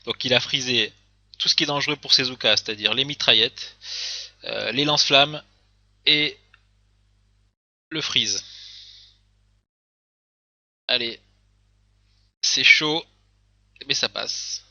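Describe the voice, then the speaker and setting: A man's voice: medium pitch, slow pace, gravelly, long pauses, sharp tone, no echo, dull audio. A man casually commenting on game replays, hesitant, with many fillers and restarts.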